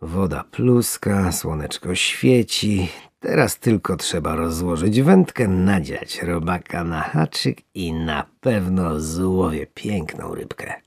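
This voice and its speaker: A man voicing a young angler who talks in a slow, contented drawl. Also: low voice, big pitch swings, gravelly, dry recording, clean studio sound, heavily acted. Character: cheerful young male angler, relaxed and gleeful.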